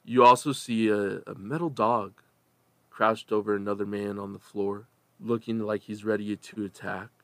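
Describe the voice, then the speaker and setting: Gravelly low-voiced man running a game. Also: fairly even intonation, dry recording. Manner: dramatic storytelling, pausing between phrases. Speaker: game master. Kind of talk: narrating a tabletop game.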